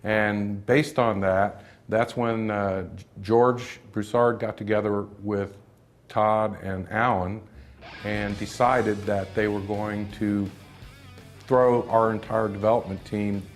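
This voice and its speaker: A man, a game developer, recalling his studio days in a rambling, conversational interview. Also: fairly low pitch. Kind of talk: interview recollection.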